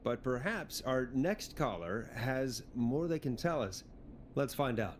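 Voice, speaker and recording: An actor voicing a calm late-night radio host who speaks in a measured announcer manner. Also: male voice, mid-range voice, a little hiss or hum. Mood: announcing. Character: calm male radio host taking emergency calls. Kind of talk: video game voice acting.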